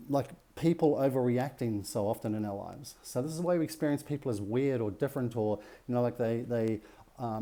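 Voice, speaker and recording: A man's voice: mid-range voice, dark tone. A middle-aged man leading a relationship workshop, teaching a group and often checking in with rhetorical questions.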